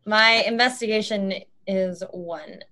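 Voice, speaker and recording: A woman's voice: medium pitch, takes it slowly, sharp tone. A young woman chatting casually and playfully as a tabletop game player, speaking into a headset. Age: young adult.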